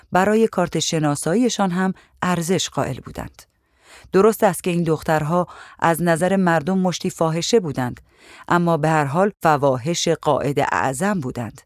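An audiobook narrator reading a first-person memoir in a steady, measured way. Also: mid-range voice, no room sound, studio quality.

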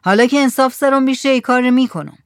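A woman's voice: sits high, no echo, studio quality, voice pushed up. A woman voicing a sly village man who shares out the food in a storybook reading. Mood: wry.

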